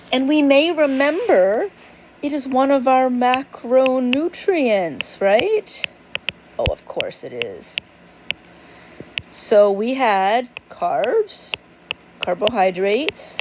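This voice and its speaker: A middle-aged woman teaches from slides in a relaxed, conversational way, pausing and apologizing now and then. Her voice sits in an ordinary middle pitch, with a faint hiss of noise behind it. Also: low-quality recording. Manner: casual, chatty, apologetic about yawning. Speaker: instructor. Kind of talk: recorded lecture.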